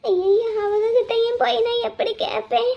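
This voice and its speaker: A woman's voice: very high voice, flat delivery, moderate pace, gravelly, warm tone. A woman voicing a naive, tearful young bride-to-be in a cartoon, with a whiny, pleading way of talking.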